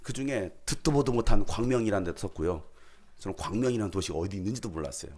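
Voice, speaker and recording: A man's voice: on the low side, lively intonation, fast, darkish tone. A middle-aged man preaching a sermon as a pastor, telling humorous anecdotes and acting out dialogue. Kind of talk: sermon with storytelling.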